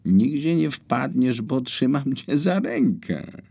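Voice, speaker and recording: A man voicing a gentle, patient mother who calmly reassures her son in an audiobook. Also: medium pitch, vocal fry, pitched above the performer's own voice, exaggerated voice. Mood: soothing. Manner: calm, slow reassurance.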